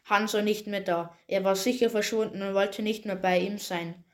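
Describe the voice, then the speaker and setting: A woman reading a fairy tale aloud in a plain, steady way, with occasional small slips. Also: medium pitch, normal speed. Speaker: storyteller.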